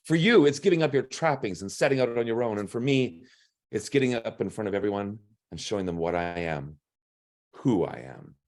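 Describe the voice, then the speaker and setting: A man with a gruff voice reading his own story aloud with wry, punchline-driven delivery. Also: lowish voice, expressive, fairly quick, darkish tone. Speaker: storyteller and drag performer.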